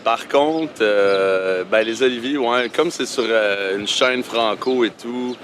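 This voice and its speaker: A man's voice: medium pitch, slow, a bit bright. Hesitant man thinking aloud outdoors. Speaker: passer-by interviewee. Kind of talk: street interview answer. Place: outdoors on a city street. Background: traffic noise.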